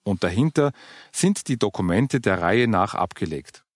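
Man doing an older church lady, patient and explaining, lively pitch, dry sound. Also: moderate pace, no room sound. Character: older churchgoing woman planning her own funeral, calm.

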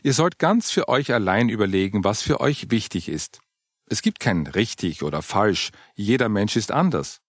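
A man reading the part of a calm older churchgoing woman who patiently explains her funeral plans. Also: fairly low pitch, normal speed, husky, no echo. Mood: explaining.

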